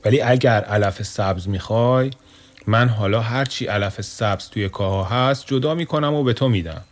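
A man voicing a kind, gentle male donkey in a children's story, giving patient, soothing advice. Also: lowish voice, close to an everyday voice.

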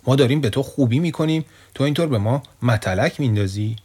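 A man's voice: medium pitch, mellow, husky, close to an everyday voice. Man doing rude scornful donkeys in a storybook, mocking and indignant.

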